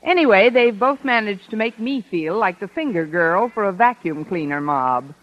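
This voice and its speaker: An actress playing a dry, sardonic American schoolteacher who acts and narrates in a 1950s radio sitcom. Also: female voice, mid-range voice, expressive, moderate pace, natural voice. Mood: wry. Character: wry, wisecracking American woman schoolteacher. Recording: muffled vintage radio recording.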